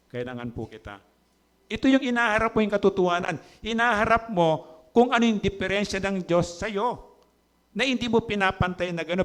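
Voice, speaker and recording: A man preaching a sermon as pastor with a Filipino accent, animated and full of rhetorical questions, slipping into English phrases. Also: high voice.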